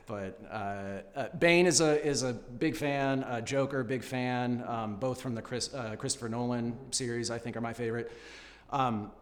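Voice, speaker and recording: A man answering questions at an acting audition, polite, measured and thoughtful. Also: mid-range voice, long reverb tail. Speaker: actor at an audition. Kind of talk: unscripted audition interview.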